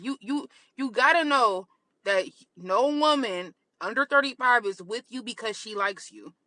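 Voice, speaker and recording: A woman's voice: fairly high pitch, bright, forceful tone, dry recording. A woman delivering a blunt, scolding, profane rant in a casual online video. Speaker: commentator reacting online.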